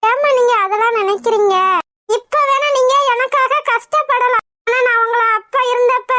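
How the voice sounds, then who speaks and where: A woman's voice: extremely high pitch, sharp tone, dry recording, clean studio sound. A woman voicing an earnest, loving schoolgirl daughter in a cartoon, reassuring her mother. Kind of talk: cartoon voice acting.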